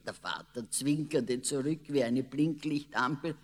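A man narrating a children's story in a slow, expressive way. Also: medium pitch. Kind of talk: storybook reading. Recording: long reverb.

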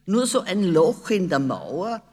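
A man voicing a lively, cheeky young girl who talks in an insistent, know-it-all way. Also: sits high, slow, pitched above the performer's own voice, exaggerated voice. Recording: long reverb.

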